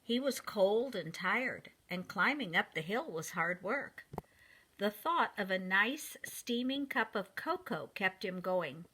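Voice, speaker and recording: With a very lively, swooping pitch, a preschool teacher reads a storybook slowly and deliberately, her bright, clear voice directed at the small children listening. The recording quality is low.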